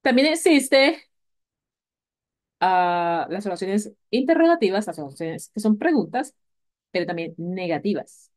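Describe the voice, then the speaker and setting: A woman's voice: mid-range voice, very animated, a little slow, long pauses. A woman teaching an English grammar lesson to a class, explaining patiently and checking in with her students often. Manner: patient, repeats key points, asks "¿vale?" often. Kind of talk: recorded class lecture.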